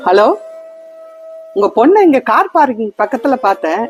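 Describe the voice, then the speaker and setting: A woman's voice: on the high side, big pitch swings, moderate pace, faint music behind. A woman playing a kind stranger who soothes and coaxes a child in a comedy skit. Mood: gentle. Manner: soothing, coaxing.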